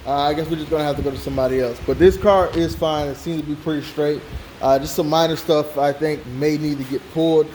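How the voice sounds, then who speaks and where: A man's voice: a little high, steady tone, fast talker, darkish tone, low-quality recording. American man, casual vlog, fan noise behind. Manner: informal, repeats "you know what I'm saying". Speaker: car-build channel host. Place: hot car workshop with fan running.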